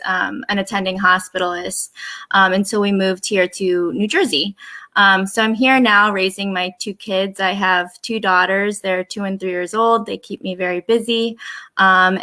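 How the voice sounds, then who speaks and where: A woman in her thirties from the United States answers interview questions with a bright, clear-edged voice at a medium pitch. She speaks in an earnest, reflective way and pauses often as she gathers her thoughts. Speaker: guest, physician and life coach.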